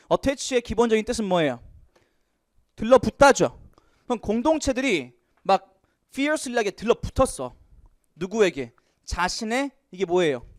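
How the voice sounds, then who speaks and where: A male English teacher giving an exam prep lecture, lively, asking questions and answering them himself. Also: high voice, dry recording, clean studio sound.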